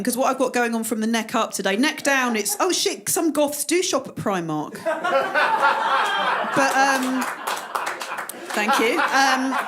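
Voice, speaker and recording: A woman's voice: high voice, fairly bright tone. A woman in her forties doing a stand-up comedy set on a club stage, with a dry, self-deprecating delivery.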